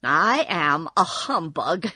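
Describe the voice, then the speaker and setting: A woman's voice: mid-range voice, animated, slow, a bit bright, dry recording. A woman voicing a meek, pleading little old man with a trembling voice, a humbug wizard in a storybook. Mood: meek, confessing. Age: older.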